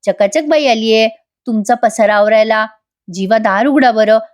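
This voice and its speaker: A woman's voice: a little high, normal speed, natural voice. A woman voicing a young wife who coaxes and pleads with her husband through a locked door in a sing-song, wheedling way. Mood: coaxing.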